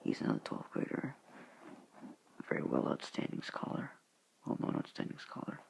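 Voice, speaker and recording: A teenage boy, a student vlogger, addresses his viewers in a soft, hushed whisper that halts as he goes. His tone is earnest and sorrowful, making it a somber whispered message.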